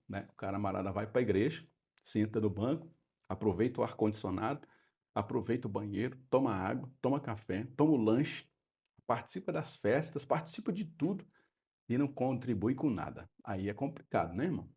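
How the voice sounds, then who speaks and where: Male pastor, husky and gravelly, casual preaching-teacher delivery. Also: lowish voice, warm tone. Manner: conversational, repeatedly addressing listeners as brother. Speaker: pastor teaching Sunday school. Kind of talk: Bible lesson commentary.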